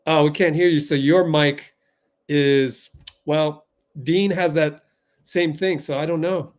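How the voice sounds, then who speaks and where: A man hosts a fan livestream, giving play-by-play while rambling through technical problems, flustered, full of fillers, and talking to himself as he fixes things. His voice is fairly high and steady in tone, and he takes it slowly.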